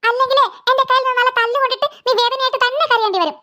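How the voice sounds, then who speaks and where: A woman's voice: very high voice, fairly even intonation, racing, bright, forceful tone, slight background noise. A woman voicing a fed-up mother who scolds her squabbling daughters in a cartoon. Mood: scolding. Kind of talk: cartoon voice acting.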